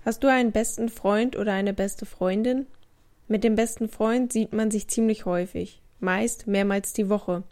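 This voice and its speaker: Woman for a short Bible devotional, speaking straight to the listener, mid-pitched voice. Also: fairly even intonation, normal speed, darkish tone. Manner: addresses the listener directly with questions.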